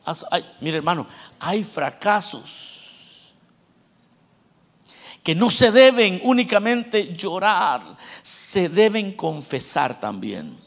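A male pastor preaching a sermon, swinging between loud exhortation and quiet, joking asides to the congregation. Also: high-pitched, very animated, takes it slowly, gravelly, long pauses.

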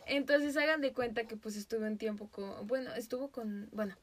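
Woman, Mexican Spanish accent, fairly high voice, casual storytelling, animated, laughing. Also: normal speed, noisy background. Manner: animated, laughs through the telling. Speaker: podcast host.

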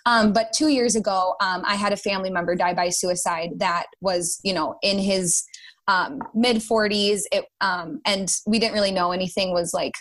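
A woman's voice: medium pitch, fairly even intonation, moderate pace, a bit bright. A woman with a Minnesota accent speaking as a podcast guest, casually and earnestly, addressing listeners directly. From Minnesota, United States. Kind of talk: casual, earnest conversational storytelling and advice.

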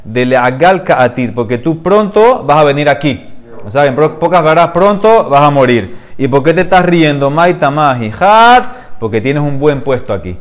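Guy going through talmud page, drawls the aramaic then rattles off the meaning, asks questions out loud, kinda high voice. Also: very animated. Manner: reads Aramaic phrases slowly, then explains quickly. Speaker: Talmud teacher. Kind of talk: Talmud class, reading and explaining in Spanish.

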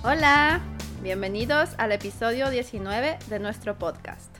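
Slow-talking woman co-host. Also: fairly high pitch, lively intonation, music in the background. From Chile. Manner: measured, unhurried, with soft agreeing murmurs. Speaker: podcast co-host. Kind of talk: casual chat.

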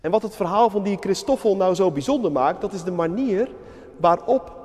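A man telling a saint's legend in a measured, storytelling sermon inside a church. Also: sits high, darkish tone. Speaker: preacher. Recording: long church reverb.

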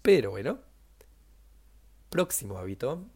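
A young man with a Rioplatense Spanish accent, hosting a casual solo podcast, chatty and self-mocking, with sudden jumps up in pitch. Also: very animated, unhurried, a little mellow, husky. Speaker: podcast host.

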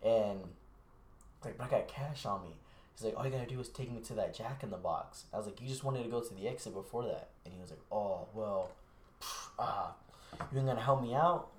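A young man on a podcast casually telling a long story, swearing freely and acting out the other people's lines in a lower mumble. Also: fairly quick. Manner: relaxed, swearing, acts out quotes in a low mumble. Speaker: podcast host. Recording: echoey room.

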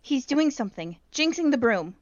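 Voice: high-pitched, big pitch swings, moderate pace, dry recording, highs cut off, voice pushed up. A reader voicing a clever, bossy schoolgirl who speaks in a raised, breathless voice during an audiobook-style reading. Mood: urgent.

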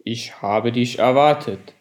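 A man voicing a wise old octopus in a storybook reading, speaking in a deep voice, solemn and slow. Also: close to an everyday voice.

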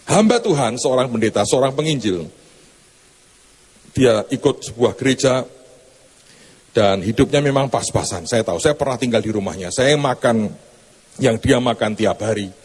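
A male pastor, preaching with animated, humorous storytelling. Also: normal speed, long pauses, husky. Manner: animated, humorous storytelling with sudden rises in pitch. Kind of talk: sermon.

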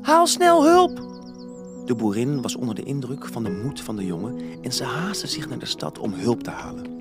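A man narrating a children's storybook in an expressive, lively reading. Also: medium pitch, fairly quick, music in the background.

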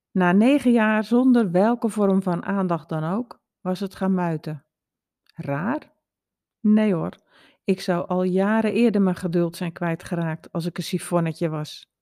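Slow, mellow woman reading her story. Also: lowish voice. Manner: calm, wry storytelling. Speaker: narrator of a personal story. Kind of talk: read-aloud personal narrative.

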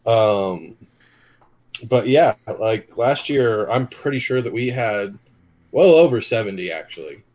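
A man co-hosting a podcast in casual chat, cracking dry deadpan jokes. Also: on the low side, a little slow, muffled recording. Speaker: podcast co-host.

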